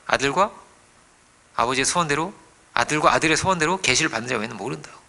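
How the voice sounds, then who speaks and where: A man preaching a sermon as pastor, dropping to hushed whispers and rising to loud exclamations, often asking the congregation questions. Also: a little high, lively intonation, fast talker, vocal fry. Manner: dramatic swings between hushed whispers and raised exclamations; asks the congregation rhetorical questions.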